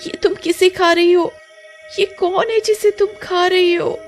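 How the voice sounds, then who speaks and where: A woman's voice: steady tone, a little slow, faint music behind. A woman voicing an earnest young village girl in a cartoon story, pleading and questioning. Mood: shocked. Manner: high, pleading, insistent questioning.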